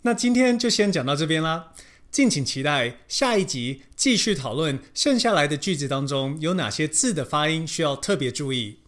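An English pronunciation teacher giving a language lesson, explaining in Mandarin and modeling English words slowly and repeatedly. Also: medium pitch, animated, fairly bright tone. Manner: switches between Mandarin explanation and English examples.

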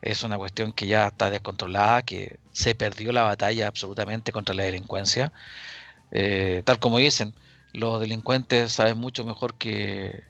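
A man with a Chilean accent hosting a live current-affairs radio show, speaking deliberately with pauses and repeated phrases. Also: fairly low pitch, steady tone, vocal fry, a bit bright, dry recording. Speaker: radio talk show host.

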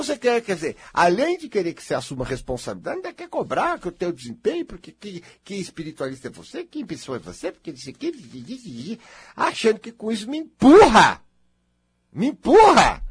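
A man with a husky voice gives a blunt, emphatic spiritual talk to an audience, often swelling to near-shouts. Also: high voice, dry recording.

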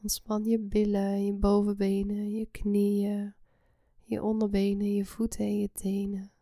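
A woman guiding a relaxation meditation in a soft, soothing, breathy half-whisper. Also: mid-range voice, completely flat delivery, a little slow, dry recording, studio quality. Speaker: guided meditation host.

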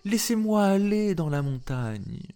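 A man's voice: sits high, big pitch swings, measured pace, mellow, smooth, voice pushed up, full character voice. A man voicing a young, headstrong she-goat who pleads to be set free, in a storybook reading. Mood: pleading.

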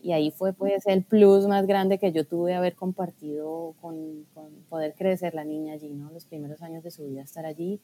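A woman from Colombia, a guest talking through her story in a thoughtful, hesitant way with pauses. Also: low voice, fairly even intonation, dark tone, slight background noise. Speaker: guest, food scientist and blogger. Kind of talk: casual podcast conversation.

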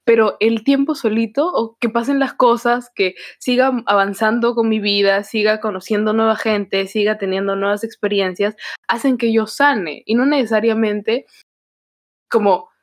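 A woman's voice: a little high, fairly even intonation, normal speed, dry recording. A woman co-hosting a casual podcast, speaking frankly and swearing freely as she shares personal experiences. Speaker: podcast co-host.

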